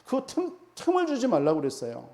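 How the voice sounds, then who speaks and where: A man's voice: very high voice, wildly swooping pitch, a little fast, creaky, a little mellow. A man preaching a sermon as pastor, emphatic and full of rhetorical questions to the congregation.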